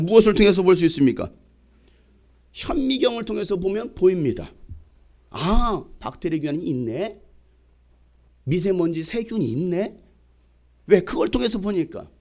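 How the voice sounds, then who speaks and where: A male pastor preaching a sermon, asking rhetorical questions and swinging between loud emphasis and quiet asides. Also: high-pitched. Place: church sanctuary.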